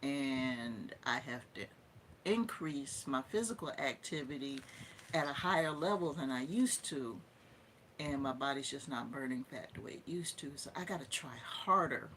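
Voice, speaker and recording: Southern woman in her fifties, live-stream host; bright, forceful, opinionated delivery that hammers points home. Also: very deep voice, animated, moderate pace, slight background noise. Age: 50s. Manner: emphatic, opinionated, repeats herself for stress. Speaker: livestream host. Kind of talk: casual livestream talk.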